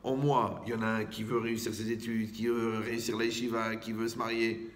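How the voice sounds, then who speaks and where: A man, a rabbi, giving a lively Torah class to a live group, asking rhetorical questions and checking that listeners follow. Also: on the low side, fairly quick, echoey room.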